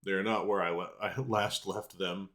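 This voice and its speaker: A man's voice: low voice, steady tone, normal speed, fairly bright tone, pitched above the performer's own voice. A man voicing a morose, long-winded assistant to a mad mage in a fantasy game, speaking archaic English. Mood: gloomy, resentful. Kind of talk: game dialogue read aloud.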